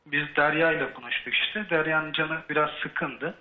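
A man's voice: fairly high pitch, fairly even intonation, moderate pace, bright, forceful tone, low-quality recording. A young man speaking as a talk show guest, hesitant and full of fillers.

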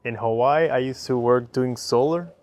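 An Ecuadorian man in his thirties, a native Spanish speaker with an Ecuadorian Spanish accent, answers a casual interview in short, simple sentences. His mid-range voice is a little mellow and moves at a moderate pace. He sits as a guest on a covered outdoor patio by a fireplace.

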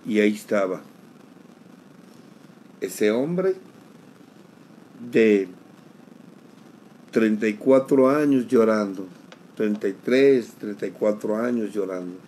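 A middle-aged man, giving an emotional personal testimony at a recovery group, slowly, repeating phrases for emphasis. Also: on the low side, mellow, slight background noise, rough recording. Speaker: sharer at a recovery group meeting.

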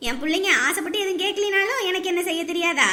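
A woman's voice: very high-pitched, fast talker, bright, forceful tone. A woman voicing a hard-working, long-suffering mother and wife in a cartoon, pleading and tearful with her husband and tender with her children.

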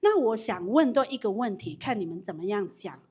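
A woman leading a live business training with audience questions, animated and quick to restart her sentences. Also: medium pitch, slightly rough.

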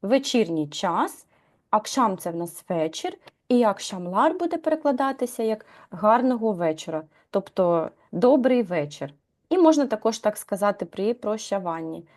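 A woman teaching Turkish in a live lesson, explaining patiently, asking her students questions and filling pauses with "e". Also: mid-range voice, sing-song, darkish tone. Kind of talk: live online language lesson.

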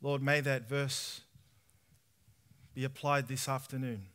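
A man in his thirties with an Australian accent giving a conversational testimony sermon at a church conference, drawing the audience in with questions. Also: mid-range voice. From Sydney, Australia. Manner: conversational, asks the audience questions, prays softly. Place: large tent hall with audience, indoors.

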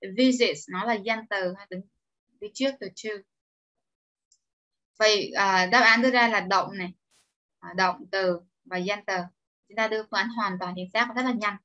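A woman's voice: medium pitch, steady tone, moderate pace, long pauses, sharp tone. A woman teaching an online English grammar class, explaining step by step and encouraging her students. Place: home or office, online class.

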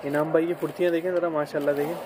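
A man's voice: on the high side, little pitch movement, racing. A man in his thirties casually vlogging a restaurant meal and a night drive on his phone, chatty and enthusiastic, often adding religious blessings. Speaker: food vlogger. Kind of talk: casual food vlog. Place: restaurant cabin, then inside a car at night. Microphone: handheld phone camera. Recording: noisy street and car background.

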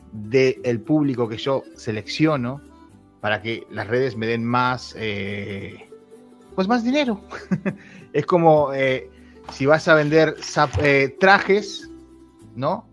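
In a casual interview chat, a Uruguayan man in his thirties, a YouTuber guest, speaks candidly with a mid-range, slightly bright voice, laughing frequently and restarting sentences. The recording sounds dull and lo-fi, with faint music.

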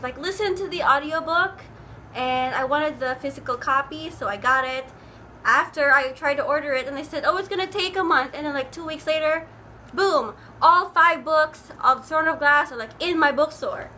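Bright, high-voiced chatty young woman. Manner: chatty and rambling, with many likes and ums. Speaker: book vlogger. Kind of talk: casual chat. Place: room at home with air conditioning on. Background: air conditioner hum.

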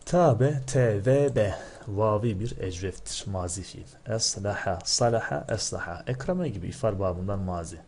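A man's voice: lowish voice, expressive, normal speed, darkish tone. A male teacher in a recorded lesson going over exam answers, explaining step by step and often asking rhetorical checking questions. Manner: recites word forms in a drilled, chanting rhythm.

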